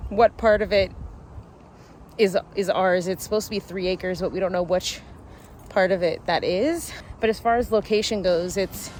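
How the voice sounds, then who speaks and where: A young woman vlogs casually from a hillside and chats at an unhurried pace. She laughs often and keeps a mid-range voice. Music plays clearly behind her. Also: medium pitch, darkish tone. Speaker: vlogger. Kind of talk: casual chat. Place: outdoors on a hillside. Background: background music.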